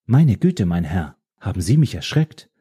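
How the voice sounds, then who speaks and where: A man's voice: sits low, sing-song, moderate pace, warm tone, slightly rough, heavily acted. A man doing a prim, old-fashioned woman assistant. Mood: prim, formal. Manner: polite, formal, slightly fussy.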